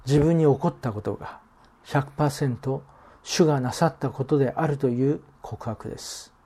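A man preaching a sermon as a pastor, in a measured, earnest delivery that slows down to stress key phrases. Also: mid-range voice, warm tone, breathy edge.

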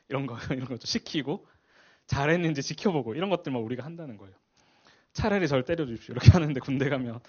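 A man's voice: mid-range voice, highs cut off. A man in his forties giving a casual church parenting talk. He laughs often and acts out quoted lines. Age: 40s. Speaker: parenting class speaker at a church.

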